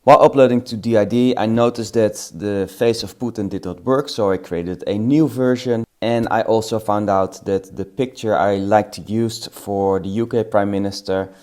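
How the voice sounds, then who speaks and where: A middle-aged man with a Dutch accent casually walking through software on screen, thinking aloud. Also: fairly low pitch, normal speed, hardly any pauses. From Netherlands. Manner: relaxed, thinking aloud, laughs at results. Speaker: video host. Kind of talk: casual screen-recording tutorial.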